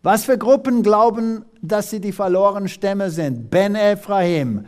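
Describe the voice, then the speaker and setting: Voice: unhurried, a little mellow. A preacher from South Africa giving a dramatic sermon, reading scripture aloud and firing rhetorical questions at the congregation. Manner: dramatic, rhetorical questions, sweeping pitch swings. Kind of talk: animated sermon with Bible reading.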